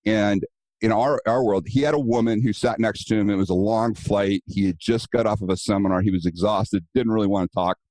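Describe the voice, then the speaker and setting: Low-voiced man telling a story. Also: brisk, mellow, dry recording, low-quality recording. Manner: storytelling, acting out quoted dialogue; earnest, advice-giving. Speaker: guest, self-defense business owner. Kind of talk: casual interview talk.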